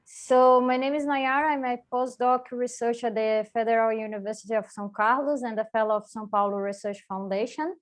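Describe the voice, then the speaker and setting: A postdoc researcher from Brazil, with a strong Brazilian Portuguese accent, gives an academic presentation over a video call. She sounds hesitant, with frequent "uh"s and restarts. Her voice is fairly high and steady in tone, a little fast, with few pauses.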